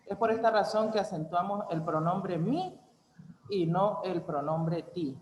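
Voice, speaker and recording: A young adult man giving a university class presentation, reading an explanation in careful, measured phrases. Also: high-pitched, lively intonation, a little mellow, highs cut off, a little hiss or hum. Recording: echoey room with long reverb.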